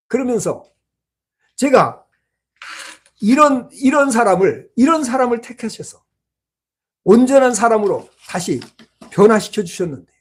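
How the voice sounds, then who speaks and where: A husky, mid-range voice carries this pastor's sermon in a small church as he recounts a personal story. His delivery alternates between loud outbursts and quiet asides.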